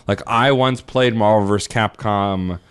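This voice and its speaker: A man's voice: lowish voice, measured pace, clean tone. Chatty male podcast co-host. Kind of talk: casual chat.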